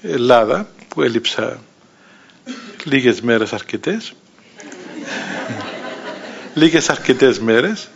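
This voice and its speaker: A man's voice: medium pitch, creaky, long pauses, crowd noise. A man in his sixties with a Cypriot Greek accent, an Orthodox bishop telling a story in a sermon and acting out the voices of the people in it. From Cyprus. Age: 60s. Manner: lively anecdotal telling, acting out quoted voices, chuckling. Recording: dull lo-fi recording.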